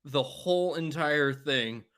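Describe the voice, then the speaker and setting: A man's voice: fairly high pitch, slow pace, a bit bright, clear, resonant tone. A man co-hosting a podcast in blunt, profane, casual chat. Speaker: podcast co-host.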